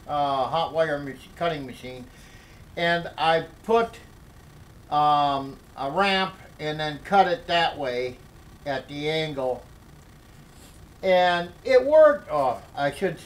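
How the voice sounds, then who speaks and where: An older man explaining a workshop project at his workbench, talking slowly with many fillers and restarts. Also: on the high side, rough recording. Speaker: DIY workshop instructor. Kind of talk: hands-on workshop tutorial.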